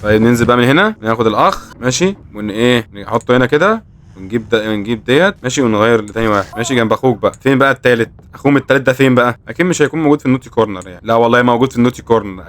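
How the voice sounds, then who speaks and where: A man with an Egyptian Arabic accent commenting on a horror game, with excitable, exclaiming, joking reactions. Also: mid-range voice. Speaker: gaming host.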